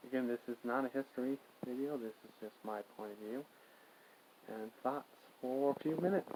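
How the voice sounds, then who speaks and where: A man with a fairly low voice hosts a loose, casual monologue. He speaks tentatively, wandering off and correcting himself. There is some faint noise on the recording. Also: dark tone. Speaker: host of a show of personal thoughts. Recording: clearly noisy background with clicks.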